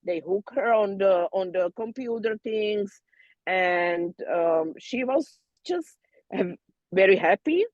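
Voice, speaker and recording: A woman, a doula student, casually telling peers about a birth in halting, non-native English full of fillers and restarts. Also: mid-range voice, expressive, no echo, muffled recording. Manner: non-native phrasing, loose grammar.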